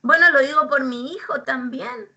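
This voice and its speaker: Anfitriona de voz brillante y rasposa. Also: female voice, high-pitched, lively intonation, normal speed, bright, forceful tone, muffled recording. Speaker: host. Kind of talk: casual chat.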